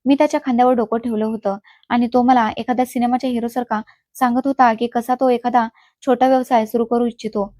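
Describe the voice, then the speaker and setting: Woman narrator for spoken story, fairly high but flat, mellow, dry close sound. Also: fast talker, no echo. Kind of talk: first-person story narration.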